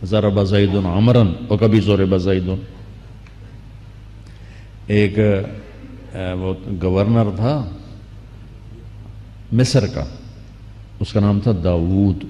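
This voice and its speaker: A man preaching a sermon, telling a story with acted dialogue that rises into animated outbursts. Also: fairly low pitch, long reverb tail. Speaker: Islamic preacher.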